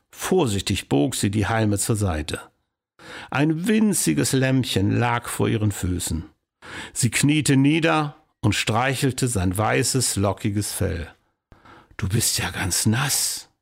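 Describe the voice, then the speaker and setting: A man calmly reading a children's storybook aloud as narrator. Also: medium pitch, slow, vocal fry.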